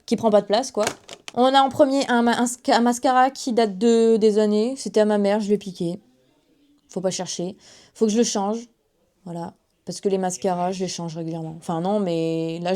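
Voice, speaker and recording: A woman's voice: medium pitch, dark tone. A 19-year-old woman chatting casually through a makeup haul, with self-mocking asides. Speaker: beauty vlogger.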